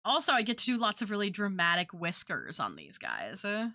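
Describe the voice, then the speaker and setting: A woman's voice: mid-range voice, huge pitch swings, a little fast, sharp tone, dry recording, studio quality. A woman chatting casually on an art livestream, rambling and thinking aloud. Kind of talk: casual, rambling livestream chat while drawing.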